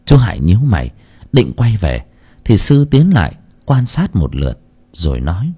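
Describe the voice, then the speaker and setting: A man reads a ghost story aloud as an audiobook narrator. His voice is fairly low yet very animated in its melody. He tells the story expressively. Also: normal speed, husky.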